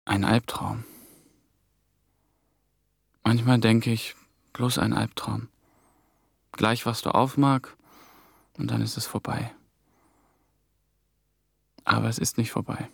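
Slow, flat, and exaggerated, a young man's medium-pitched voice comes out gravelly with a breathy edge and long pauses, recorded cleanly with no room sound. In a radio drama he is the lead and narrator, an ambitious young German intern on the run who is hunted and haunted. He tells his tale in brooding, tense, clipped phrases.

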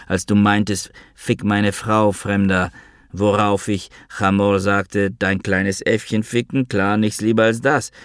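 A man narrating an audiobook in a dry, unhurried reading. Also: fairly low pitch, no echo.

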